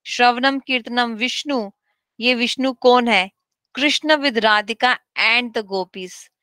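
A woman giving a devotional class, reading slowly in English and explaining quickly in Hindi. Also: a little high, sharp tone, clear, resonant tone, no echo. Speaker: spiritual teacher.

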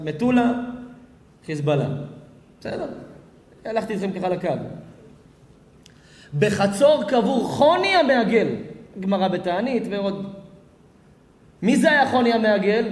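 Guy rabbi preaching to a crowd, kinda high voice, goes from soft to yelling, big echoey hall. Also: animated, long pauses. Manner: dramatic swings from hushed, tender asides to loud scolding outbursts. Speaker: rabbi giving a Torah lecture. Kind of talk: sermon to a live audience. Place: large hall with audience. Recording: echoey hall with long reverb.

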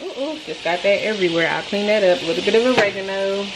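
A woman's voice: mid-range voice, fast talker. A young woman, chatting loosely to viewers in a casual cooking vlog, filmed on a phone in a small home kitchen. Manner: chatty and loose, talks straight to viewers as "y'all". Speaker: vlogger. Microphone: handheld phone camera. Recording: home kitchen with clear frying and stovetop noise.

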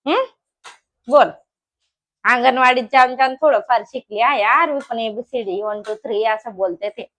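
A young woman from Maharashtra with a high voice chats casually while she cooks. She drops into soft, murmured asides to her viewers and lifts her tone to coax and scold her children. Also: normal speed. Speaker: vlogger and mother. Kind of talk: casual cooking vlog chat.

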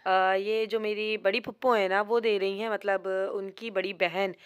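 A woman's voice: mid-range voice, steady tone, measured pace, clean tone. A young woman vlogger chatting and greeting relatives at a family wedding. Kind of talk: casual vlog chat.

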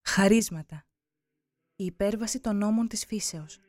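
A narrator giving a solemn, measured scripted reading for a religious documentary. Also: mid-range voice.

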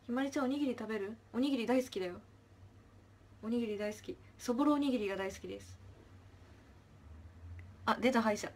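Her voice sits on the high side as this young idol livestreams, moving quickly but leaving long pauses. She reads comments aloud casually, chirps thanks, and trails into soft murmurs.

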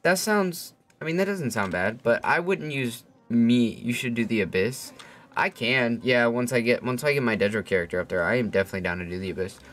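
A young male streamer talks casually while he plays, joking and swearing freely. His voice sits in an ordinary middle range. Soft game music plays quietly under him. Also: mid-range voice, a little fast. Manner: joking, profane, talks to chat and friends. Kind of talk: casual gaming livestream chat.

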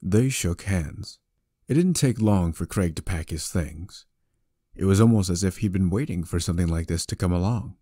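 A male narrator tells a story with a wry, conversational delivery. His voice is deep and mellow, and it is recorded close and dry. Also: moderate pace, dry recording. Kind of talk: scripted audiobook narration.

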